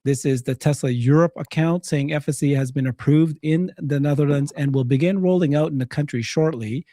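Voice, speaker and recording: A man's voice: a little high, a little fast, mellow, no room sound, studio quality. A man hosting a live talk show, giving breaking-news commentary.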